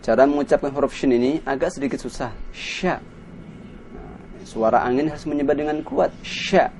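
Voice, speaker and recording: A man's voice: medium pitch, darkish tone, a little hiss or hum. A man teaching Quran pronunciation, patiently drilling letters and syllables one by one. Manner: patient, spells sounds out slowly and repeats them. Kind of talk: slow tajwid lesson with drilled syllables.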